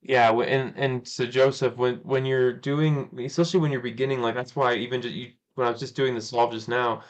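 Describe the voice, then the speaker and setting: A man's voice: mid-range voice, fairly even intonation, brisk, lo-fi sound. A man hosting a live stream, chatting casually and rambling, often correcting himself and laughing. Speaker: cubing channel host.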